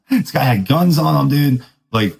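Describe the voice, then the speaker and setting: On a creaky, low-quality recording, a podcast host spins a meandering monologue, throwing "dude" into nearly every line of his easygoing surfer talk. His voice swoops up and down unpredictably. He chuckles often and makes fun of himself.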